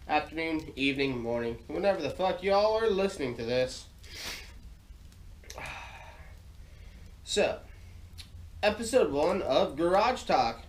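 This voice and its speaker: An American man with a slightly high voice hosts a casual solo podcast from his home garage. He rambles in a folksy, informal way, and he is getting over sinus surgery that bothers his throat. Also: slight background noise. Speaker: podcast host.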